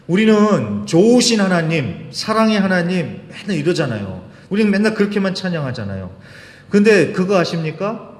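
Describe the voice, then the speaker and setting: A man preaching a sermon as pastor in a church, in a chatty style that asks the congregation questions and acts out quotes. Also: high voice. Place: church sanctuary. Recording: roomy church hall with long reverb.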